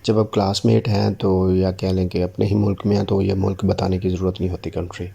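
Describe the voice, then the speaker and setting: Deep, gravelly teacher. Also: male voice, level tone, mellow. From Pakistan. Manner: slow, deliberate model sentences with frequent "theek hai" check-ins. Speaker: English teacher. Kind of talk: language lesson in Urdu.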